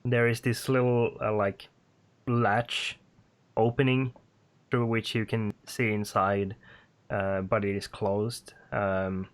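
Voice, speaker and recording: A man's voice: on the low side, flat delivery, clear, resonant tone. A man narrating a tabletop role-playing game as game master, hesitant and full of fillers. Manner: slow and hesitant, many fillers.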